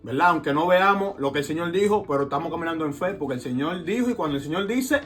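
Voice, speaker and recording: A man talks over a faint guitar in a casual faith conversation, his voice sitting a little high for a man. He speaks reflectively, repeating phrases and checking in with listeners as he goes. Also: expressive, fast talker, a bit bright. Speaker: co-host of a faith talk show. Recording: phone recording with guitar music behind.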